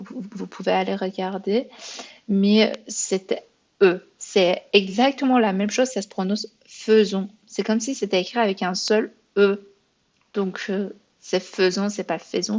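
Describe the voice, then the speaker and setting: A woman teaching a beginner language lesson, patient and thinking aloud as she explains, sometimes correcting herself. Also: mid-range voice. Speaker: French teacher.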